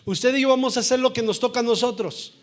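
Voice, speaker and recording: A male pastor delivers a lively sermon in church. His voice sits high for a man, and he keeps turning to the congregation for amens and agreement. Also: fast.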